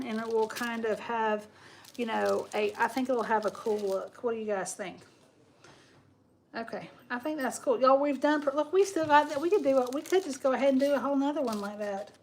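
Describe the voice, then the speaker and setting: Crafting on a live stream, this chatty host in her 40s talks with her viewers and reads their comments out loud. She has a fairly high voice, and a little background noise can be heard.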